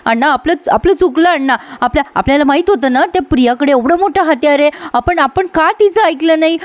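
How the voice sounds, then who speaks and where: A frantic young woman , as a female narrator puts her on, who stammers, repeats herself and babbles in panic. The voice sits high and lifts even higher than the narrator's usual tone. The sound is close and dry, from a spoken retelling of a TV serial. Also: brisk, dry recording, natural voice.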